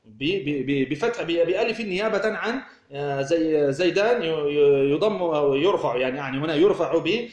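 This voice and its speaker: A man's voice: fairly high pitch, lively intonation, moderate pace, a little mellow, roomy sound. A man teaching an Arabic grammar lesson, who explains step by step, poses questions to himself and answers them, and often restarts his sentences.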